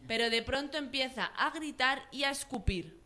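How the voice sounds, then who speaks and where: A woman's voice: sits high, animated, moderate pace, sharp tone. A woman teacher reading a story aloud with a student, asking questions and encouraging him. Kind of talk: guiding a student through a read-aloud story.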